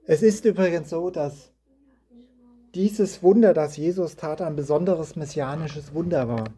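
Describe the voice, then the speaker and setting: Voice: medium pitch, unhurried, dark tone, slightly rough. A preacher giving a sermon indoors in a house, reading scripture and asking the listeners reflective questions.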